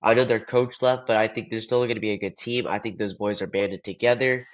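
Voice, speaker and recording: A man's voice: on the low side, steady tone, fairly quick. Stuffy-nosed young man talking sports. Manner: earnest, searching for words. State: stuffy nose from allergies. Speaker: podcast co-host. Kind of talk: casual sports talk. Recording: dull lo-fi audio.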